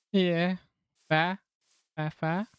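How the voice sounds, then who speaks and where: Wry streamer with a slightly high voice. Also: male voice, slight background noise. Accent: non-rhotic English. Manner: chatty, wry and self-mocking, laughs often. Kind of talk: casual live-stream chat while gaming.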